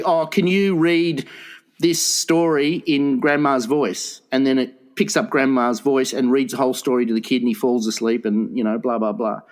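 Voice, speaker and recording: A man hosting a comedy podcast, talking in a crude, rambling way and laughing often. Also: medium pitch. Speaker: podcast host. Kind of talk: casual comedy chat.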